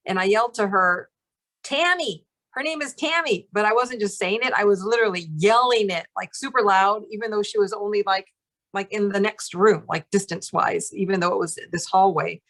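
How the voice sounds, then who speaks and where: A woman's voice: medium pitch, steady tone, a little fast, a bit bright. A woman telling a story in a casual, chatty way, laughing often and using lots of fillers. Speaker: group participant.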